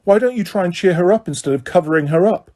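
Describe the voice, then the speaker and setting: A man doing a brisk bossy teenage girl. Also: high-pitched, darkish tone, voice pushed up, natural voice. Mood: severe. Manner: brisk, severe, exasperated. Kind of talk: audiobook character voice.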